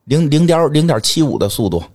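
A man's voice: on the high side, very animated, brisk, darkish tone, dry recording, studio quality. A middle-aged man with a Beijing Mandarin accent chatting casually as a podcast co-host, often repeating phrases for emphasis.

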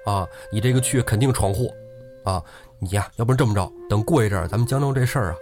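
A low-voiced man tells a classic tale in a relaxed, chatty podcast style. He laughs often and slips into the characters' voices. Faint music sits behind him. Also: fast. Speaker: host storyteller. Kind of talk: casual storytelling podcast.

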